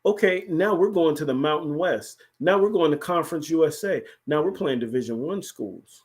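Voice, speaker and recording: Brief: male sports-talk co-host, fairly high voice, animated and emphatic. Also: normal speed. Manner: animated, emphatic, repeats "here's the thing". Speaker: podcast co-host. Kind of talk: casual sports chat.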